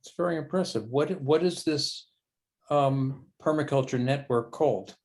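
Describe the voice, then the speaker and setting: A man's voice: mid-range voice, normal speed, a little mellow. A man hosting a video call, asking curious, encouraging questions. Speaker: host of the call.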